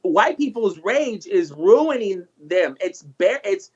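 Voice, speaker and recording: A man's voice: sits high, big pitch swings, slow, breathy edge. A man co-hosting a casual livestream, blunt and ranting, swearing freely. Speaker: co-host. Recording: dull lo-fi audio.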